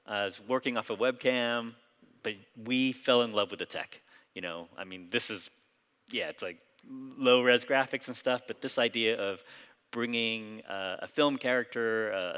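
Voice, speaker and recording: A man in his forties who grew up in Hong Kong, a company founder giving a relaxed conference presentation full of fillers and restarts. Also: fairly low pitch. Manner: relaxed, loose delivery with frequent fillers and restarts. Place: large conference hall. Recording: reverberant hall.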